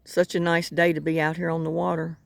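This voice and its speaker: A woman's voice: deep voice, level tone, brisk, creaky, no room sound. An older woman with a North Carolina Southern accent, chatting in a rambling, folksy way while fishing outdoors by the water. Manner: rambling, folksy, self-deprecating. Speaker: vlogger. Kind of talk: casual chat while fishing.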